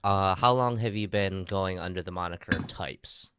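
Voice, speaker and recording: A man's voice: low voice, moderate pace, fairly bright tone, clear, resonant tone, dry recording, studio quality. A man co-hosting a live podcast, eagerly laying out questions for a guest. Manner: upbeat, eager interviewer. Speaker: podcast co-host. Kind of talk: casual live-stream chat.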